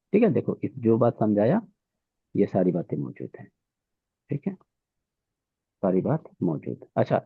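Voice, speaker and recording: Here a man with a fairly low, husky voice and some vocal fry teaches exam prep, repeatedly drilling facts and tacking on "theek hai" after each one. There's no echo, but the sound is tinny, like a phone.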